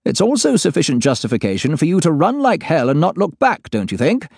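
A stressed male spymaster barks clipped orders in a raised, tense voice, as a male narrator puts him on. His commanding tone holds a forced calm. The sound is dry and close. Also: on the high side, a little fast, gravelly, husky, no room sound, voice pushed up, exaggerated voice. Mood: strained calm.

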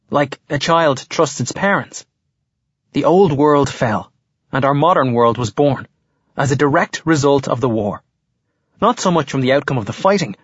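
An actor playing an earnest history teacher who lectures in a measured, explanatory way. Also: male voice, medium pitch, husky, no echo, lo-fi sound. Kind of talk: audiobook character voice.

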